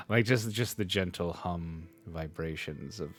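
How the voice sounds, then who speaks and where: A man's voice: low-pitched, darkish tone. A sleepy, yawning man reading a book aloud on his live stream, breaking off for self-mocking asides, with faint music behind.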